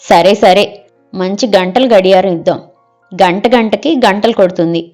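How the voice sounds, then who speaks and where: A woman's voice: medium pitch, normal speed, a little mellow, soft background music, natural voice. A woman reading the part of a middle-aged husband in an audio story, eagerly offering one gift idea after another. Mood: coaxing. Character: husband, a middle-aged man, proud and easily exasperated.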